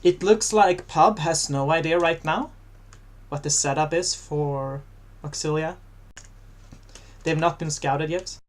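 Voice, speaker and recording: With a slightly high voice, this esports caster takes things slowly, keeping his game commentary jokey and conversational and raising his voice as fights erupt.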